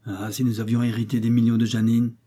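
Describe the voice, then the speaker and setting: A man's voice: mid-range voice, completely flat delivery, quick pace, warm tone, breathy edge, lightly acted. A man reading aloud and voicing a young woman, a pharmacist's daughter, in a wistful, plaintive way.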